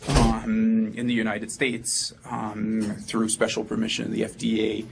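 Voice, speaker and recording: A man's voice: on the low side, monotone, a little slow, creaky, a little hiss or hum. A man with a French accent giving a medical lecture, hesitant and full of ums and uhs. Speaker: physician presenter.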